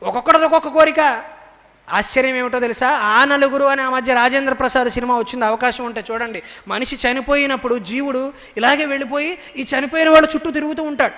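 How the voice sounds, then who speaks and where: A young male orator with a very high, bright, forceful voice gives a devotional discourse. He moves between lively storytelling and slow, intoned verse chanting. His voice rings with the long reverb of a temple hall. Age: young adult. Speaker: spiritual orator. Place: temple hall during a public lecture.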